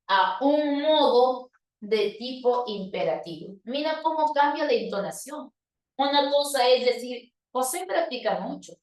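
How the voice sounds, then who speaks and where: A woman teacher patiently explaining grammar to her students, talking to them directly and voicing their questions. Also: on the high side. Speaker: language teacher. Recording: roomy sound from a distant mic.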